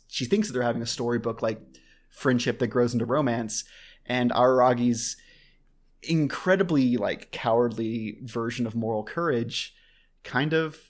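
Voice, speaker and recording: A man talks in a loose, rambling way, circling back on his words with plenty of fillers and restarts. His pitch sits in an ordinary middle range for a man. It sounds like relaxed casual podcast chat. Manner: rambling, with many restarts and laughs. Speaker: podcast co-host.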